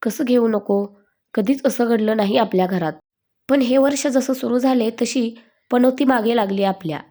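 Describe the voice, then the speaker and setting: A woman's voice: fairly high pitch, normal speed, warm tone, natural voice. A woman voicing a weary, grieving older mother who speaks in a tearful, sighing way in a story reading. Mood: sorrowful.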